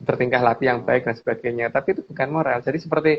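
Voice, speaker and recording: A middle-aged man with a medium-pitched, fairly even voice races through his opinions in a casual discussion. He repeats phrases while explaining and keeps adding tags that seek agreement. The recording is slightly dull, with some background noise.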